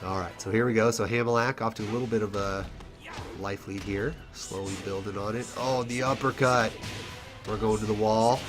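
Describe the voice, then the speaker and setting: A man with a low, congested voice calls a fighting game match on his own. He talks loosely and keeps up a chatty flow with fillers and small laughs. Loud game music plays under him. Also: steady tone, moderate pace. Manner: casual, chatty, laughs often, many fillers. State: stuffed up from a cold. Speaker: esports commentator. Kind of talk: solo play-by-play commentary.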